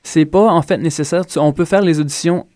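A young man from Ontario who grew up in Quebec, with a Quebec French accent, answers interview questions as a circus school graduate, earnest but hesitant with many "euh" fillers. His voice is a little high and darkish, fairly quick, recorded clean in a studio with no room sound.

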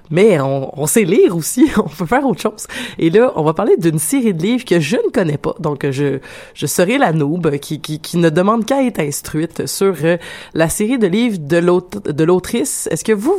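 A woman's voice: low voice, a little mellow. A young woman with a Québécois accent hosting a casual radio talk show, chatty and laughing, with frequent restarts. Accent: Québécois French.

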